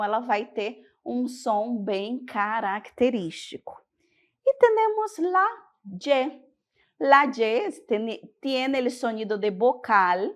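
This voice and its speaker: Brief: Brazilian woman teacher, slightly high voice, slow and patient, checks in with the class. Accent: Brazilian Portuguese. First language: Portuguese. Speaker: Spanish teacher. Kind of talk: classroom lesson.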